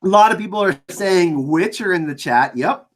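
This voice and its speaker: A livestream host with a French Canadian accent and a very animated, up-and-down pitch. The delivery is casual and informal, halting and doubling back on words while answering chat comments.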